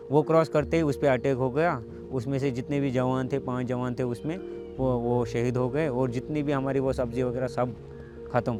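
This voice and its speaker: A young man from Kashmir, telling his personal story in a conversational way, pausing with hesitant fillers. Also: mid-range voice. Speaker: meditation teacher sharing his story. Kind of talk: personal testimonial. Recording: music playing clearly underneath.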